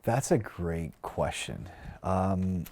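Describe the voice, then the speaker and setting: Earnest male guest, deep dark voice, heartfelt and rambling. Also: animated, very slow, a little hiss or hum. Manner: earnest, heartfelt, filler-heavy with "like" and "you know". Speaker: podcast guest, career coach. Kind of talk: reflective casual conversation.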